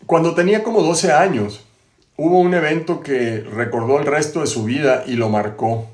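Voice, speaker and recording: A man's voice: a little high, normal speed, darkish tone. A man, retelling a biography in a conversational way, full of tag questions and restarts, in a roomy-sounding recording. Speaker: host. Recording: roomy echo.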